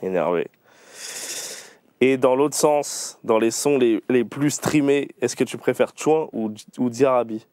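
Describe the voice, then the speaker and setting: A man's voice: medium pitch, unhurried, darkish tone, no echo, studio quality. A man hosting a casual livestream interview, firing off playful either-or questions and laughing often. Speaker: host.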